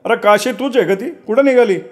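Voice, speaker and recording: A male storyteller voicing a hearty old man driving a bullock cart, calling out loudly and cheerfully. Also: high-pitched, fairly quick, pitched above the performer's own voice, close to an everyday voice. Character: jolly old male village cart driver.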